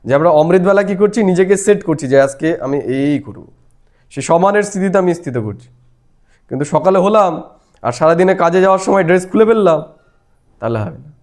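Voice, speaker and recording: A man's voice: high voice, animated, fairly quick, a little mellow. A man explaining a devotional lesson as a spiritual teacher, talking patiently and often checking whether his listeners follow. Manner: explains patiently, asks listeners rhetorical questions.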